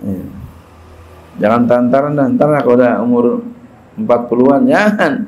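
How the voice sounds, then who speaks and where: A man's voice: medium pitch, moderate pace, darkish tone. A middle-aged man giving a casual religious lecture, speaking colloquially, repeating phrases and chuckling through his stories. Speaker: Islamic preacher teaching a classical book.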